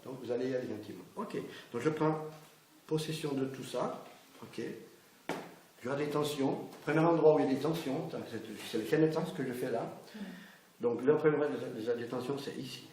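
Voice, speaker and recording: A man's voice: medium pitch, a little fast, darkish tone. A middle-aged man leads a hands-on massage class, chatty and checking in with his students. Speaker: massage instructor. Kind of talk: hands-on teaching demonstration. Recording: roomy echo, faint background noise.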